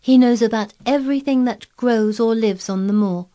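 A woman's voice: on the high side, normal speed, dark tone, pitched above the performer's own voice, natural voice. A woman reading aloud, voicing a blunt, contrary girl who speaks earnestly and stubbornly. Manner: obstinate, earnest, eager describing.

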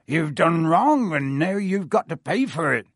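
A man voicing a big gruff gamekeeper who talks bluntly with country words. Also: fairly high pitch, lively intonation, a little slow, dry recording, clean studio sound, exaggerated voice. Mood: stern.

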